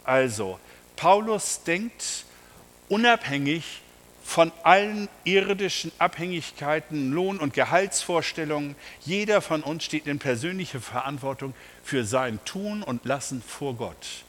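A man's voice: fairly high pitch, expressive, a little slow, a bit bright, in a large hall. A man preaching a sermon, emphatic and speaking straight to his congregation with rhetorical questions. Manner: addresses the congregation directly.

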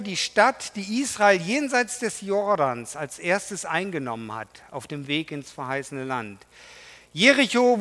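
A man's voice: a little high, bright, forceful tone. A man preaching a sermon to a congregation in a conversational way, often putting questions to his listeners. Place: church hall. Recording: reverberant hall.

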